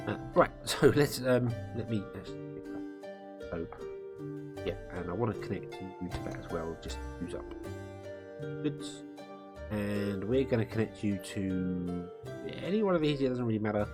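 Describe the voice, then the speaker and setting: Low-voiced man streaming over guitar music. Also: animated, measured pace. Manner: rambling, thinking aloud with fillers. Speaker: game streamer. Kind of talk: live gameplay commentary. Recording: music playing under the voice.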